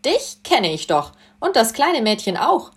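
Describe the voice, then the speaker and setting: A woman voicing a cocky, cheerful young male sun god who talks loud and full of himself in a storybook reading. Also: fairly high pitch, big pitch swings, measured pace, pitched above the performer's own voice. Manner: loud, showy, self-assured.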